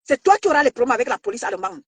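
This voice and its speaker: A woman from Cameroon ranting to her online followers, confrontational, shouting and taunting, stammering and repeating herself. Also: sits high, big pitch swings, racing, breathy edge, no echo. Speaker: social media commentator. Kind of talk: heated live rant.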